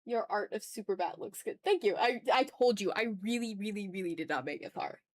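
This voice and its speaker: Animated and fairly quick, a medium-pitched woman talks loosely while drawing on a livestream, reading viewers' comments, wandering off topic, cursing here and there, and teasing herself. The recording has no echo.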